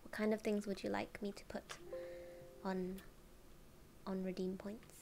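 Streamer woman, casual chatter, lots of giggles and whispery asides, mid-pitched voice with a creaky edge. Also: flat delivery, measured pace, music in the background. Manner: giggly, soft-spoken, often drops to a whisper.

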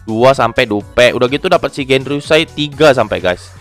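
A man giving casual, excitable commentary on game gacha pulls, groaning, pleading and talking to his viewers. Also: medium pitch, normal speed, soft background music. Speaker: gaming YouTuber.

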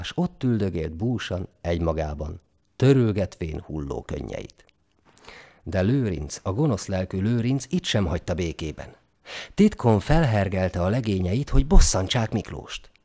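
A man reading a folk tale aloud in a dramatic, expressive storybook narration. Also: sits low.

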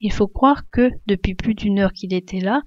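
A woman's voice: mid-range voice, moderate pace, dry recording, muffled recording. Woman reading a classic novel aloud. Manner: expressive, voicing the characters' shouts. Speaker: reader.

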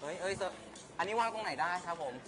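A man's voice: high-pitched, rapid-fire, over loud music. A man hosting a live stream in a playful, bantering way, full of exclamations. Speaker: live show host.

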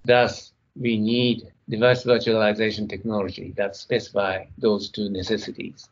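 A middle-aged man giving a technical conference keynote from his computer, speaking in a measured way as he talks through his slides. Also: fairly low pitch, little pitch movement, highs cut off. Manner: measured, reading slides, some non-native grammar.

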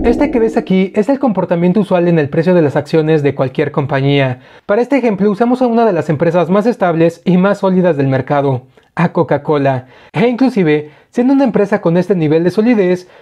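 A young man explains investing in an earnest, direct way. His voice sits high but sounds mellow and soft-edged. He speaks into a lapel mic in a small studio. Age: young adult. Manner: earnest, direct address to the viewer. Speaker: finance educator. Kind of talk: scripted explainer to camera. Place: small indoor studio with a screen backdrop.

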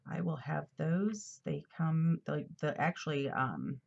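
This planner vlogger, a middle-aged woman who's a bit congested, chats and rambles with fillers and asides while decorating her planner at a desk indoors. She speaks slowly and expressively in a low, gravelly, darkish voice with a breathy edge, muffled through an overhead camera.

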